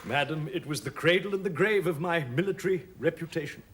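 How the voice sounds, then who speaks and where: An actor playing a proud, bitter young cavalry major who speaks with grand, theatrical delivery. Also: male voice, on the high side, a little fast, fairly bright tone, slight background noise, natural voice. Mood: sardonic. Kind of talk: stage play acting.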